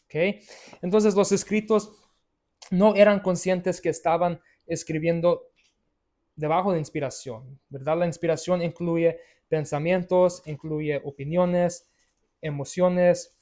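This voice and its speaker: Slow, halting male Bible teacher. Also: sits high, fairly even intonation, mellow. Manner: halting, frequent restarts and checking questions. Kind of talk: Bible study lesson.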